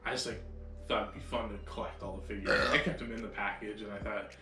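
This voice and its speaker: A man's voice: fairly low pitch, fairly even intonation, fast talker. A man chatting casually as a guest on a video show, enthusiastic and slangy. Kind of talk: casual chat. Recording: echoey, distant mic, music behind. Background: clearly audible music.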